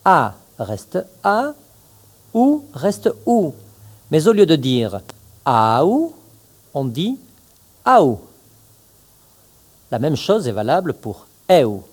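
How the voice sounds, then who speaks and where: A man teaching pronunciation in a recorded lesson, saying each word slowly and with clear, stressed syllables. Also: fairly high pitch, very animated, a little mellow. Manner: slow, carefully articulated, stresses syllables. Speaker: language teacher.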